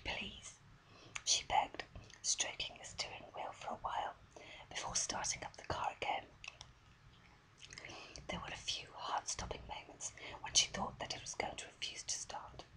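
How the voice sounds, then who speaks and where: Soft, breathy ASMR whisper reading a story. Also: poor audio. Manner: soft, deliberate story reading with small stumbles.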